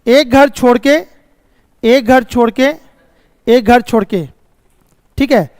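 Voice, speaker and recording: A man's voice: very high voice, slow pace, a little mellow, smooth, no room sound, big-room sound. A man teaching a reasoning class live, explaining step by step, checking often if students follow, and sometimes scolding them about the course. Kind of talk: live online class lecture.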